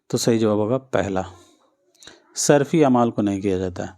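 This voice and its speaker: Mellow-voiced male teacher drilling exam answers. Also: on the low side. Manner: patient, repeats each answer, addresses listeners directly. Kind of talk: exam-prep lesson.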